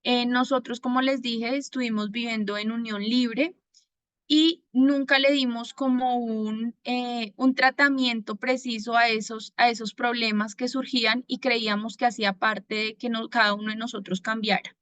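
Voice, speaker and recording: A woman from Bogotá with a Colombian accent, giving a personal faith testimony in an earnest manner, pausing often to gather her words. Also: a little high, fairly even intonation, a bit bright, no room sound. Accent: Bogotá Colombian Spanish. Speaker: testimony giver.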